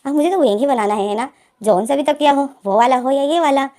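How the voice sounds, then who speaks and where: Woman doing a withdrawn young man in a storybook retelling, high and mellow, firm and distant; light acting. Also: brisk, lightly acted. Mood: cold, firm. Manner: firm, pushing away.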